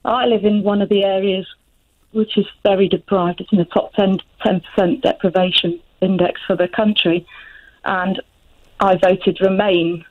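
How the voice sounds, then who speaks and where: A woman's mid-pitched voice comes down a thin, muffled telephone line. She is a radio caller telling her own story, hesitant and halting as she restarts her phrases. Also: level tone. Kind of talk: personal account on a radio phone-in. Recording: muffled narrowband phone line.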